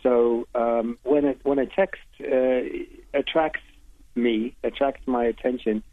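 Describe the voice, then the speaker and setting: A man answering radio interview questions as a literary translator, halting with many hesitations and restarts. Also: medium pitch, steady tone, no room sound. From United States. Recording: tinny phone line, dry.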